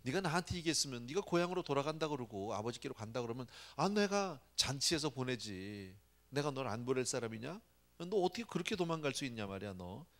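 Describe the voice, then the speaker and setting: A man's voice: lowish voice, animated, quick pace, gravelly. A man voicing an angry older man who scolds his son-in-law with accusing questions. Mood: indignant scolding. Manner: indignant, accusing rhetorical questions.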